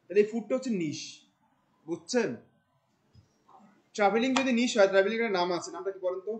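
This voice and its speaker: A man, teaching a class. He talks in a colloquial, animated way, firing questions at the students. He drops English terms into his explanations. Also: sits high, quick pace, rough recording. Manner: questions the class often, mixing in English words. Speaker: marketing instructor. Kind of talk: classroom lecture.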